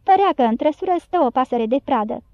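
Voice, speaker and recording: High-voiced woman reading a storybook. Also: lively intonation, no echo, highs cut off. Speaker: audiobook narrator. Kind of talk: scripted narration.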